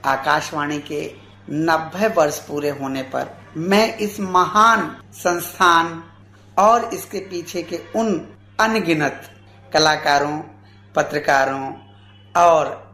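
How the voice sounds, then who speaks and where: A man in his forties speaks slowly and earnestly as a radio guest, each phrase measured and formal. His voice rings in an echoey room. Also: on the high side, pushed and bright. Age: 40s. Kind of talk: formal tribute speech.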